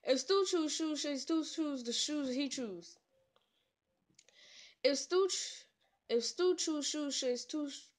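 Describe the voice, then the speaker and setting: A woman vlogger, attempting tongue twisters in a casual challenge video, playful and teasing. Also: high voice. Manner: playful, trash-talking, laughs at her own slips.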